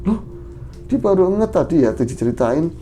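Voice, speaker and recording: A man's voice: a little high, big pitch swings, brisk, mellow, soft background music. A man hosting a horror podcast, telling a story and acting out the characters' lines in raised voices. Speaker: podcast host.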